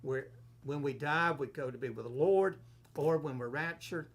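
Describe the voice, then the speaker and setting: A man, a pastor, leading a relaxed Bible study, reading verses aloud and explaining them, asking and answering his own questions. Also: a little high, slight background noise. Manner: unhurried, asks himself questions and answers them. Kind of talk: conversational Bible teaching.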